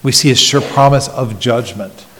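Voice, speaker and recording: A man preaching a sermon as pastor, earnest and emphatic, swinging from loud stresses to hushed near-whispers and often repeating words as he restarts. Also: mid-range voice, normal speed, slight background noise. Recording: long hall reverb.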